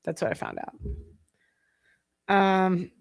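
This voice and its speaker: The young woman hosting this podcast draws out her words in an expressive, medium-pitched, nasal voice. Talking to viewers casually and bluntly, she rambles, uses many fillers, and breathes heavily.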